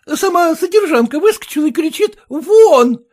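A woman's voice: very high-pitched, lively intonation, moderate pace, a little mellow. A man reading a story aloud, voicing an anxious young housemaid with a pleading, defensive manner. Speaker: character in a read story.

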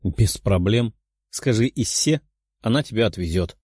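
A man voicing a calm, easygoing young demon, slightly lowered. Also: unhurried, slightly rough, no echo, clean studio sound.

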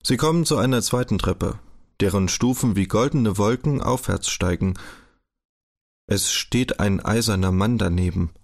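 A man narrating a historical novel for an audiobook, his delivery measured and steady. His voice sits on the lower side. The reading stays even and unhurried. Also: vocal fry.

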